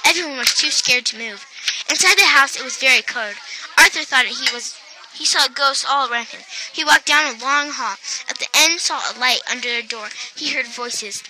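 Woman storybook reader, high and very bright voice, lively read-aloud with quiet speech tags. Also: normal speed, a little hiss or hum, poor audio. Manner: lively, lifts her voice for quoted characters and drops it for tags. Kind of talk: reading a children's picture book aloud.

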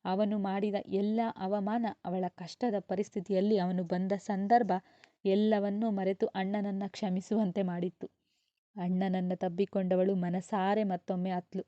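A woman storyteller reading a serialized novel aloud in a calm, even, unhurried way. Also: mid-range voice, dry recording. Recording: dull, slightly lo-fi dry sound.

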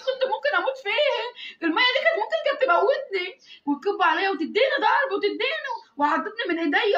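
Distressed, crying young Egyptian woman, high voice. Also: sharp tone. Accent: Egyptian Arabic. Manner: distressed, pleading, swearing oaths. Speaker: woman recounting an assault. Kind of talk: tearful testimony. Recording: echoey, muffled sound.

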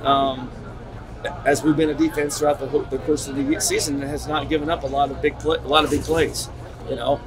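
A middle-aged man, a head football coach at a postgame press conference, talking in halting, restarting sentences with many repeats. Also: on the high side, flat delivery, rough recording. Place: concrete-walled stadium corridor. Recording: crowd chatter behind. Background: crowd noise.

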